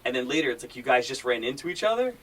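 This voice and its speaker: A man's voice: mid-range voice, big pitch swings, racing, a loud crowd. Playful male radio host, a bit distant. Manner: playful, laughs often. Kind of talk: casual interview chat. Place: radio station lounge.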